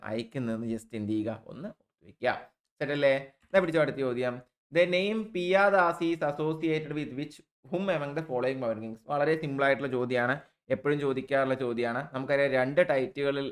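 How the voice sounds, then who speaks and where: A male exam coaching teacher with a Malayali accent, giving a recorded online lesson. He talks in a chatty, informal way, keeps asking his own rhetorical "what do we do?" prompts and calls his students children. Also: mid-range voice.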